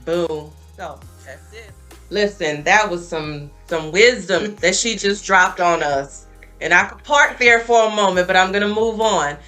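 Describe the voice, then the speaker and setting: A woman in her forties with a lowish, bright, forceful voice, hosting a faith talk show. She leads the talk emphatically, and faint music runs in the background. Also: unhurried. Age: 40s. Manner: emphatic, affirming. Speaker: host.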